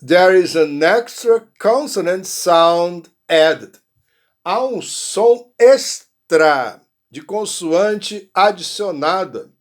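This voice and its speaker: A man with a Brazilian accent, teaching an English lesson and sounding out model phrases slowly, with frequent check-ins. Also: sits high. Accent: Brazilian Portuguese. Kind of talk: explanatory language lesson.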